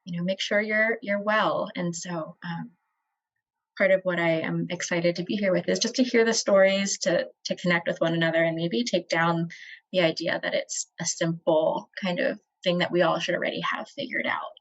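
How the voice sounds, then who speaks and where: An earnest woman speaking on a discussion panel. Her voice is on the low side and the audio sounds dull and lo-fi. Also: fairly even intonation, moderate pace. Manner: earnest, thoughtful.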